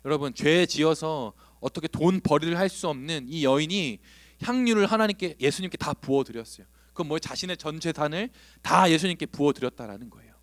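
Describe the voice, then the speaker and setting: Man, young youth pastor, earnest sermon, higher voice, dry sound. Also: a little fast, no room sound. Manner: earnest, repeats phrases, rising to emphatic appeals. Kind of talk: sermon to teenagers. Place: church online service.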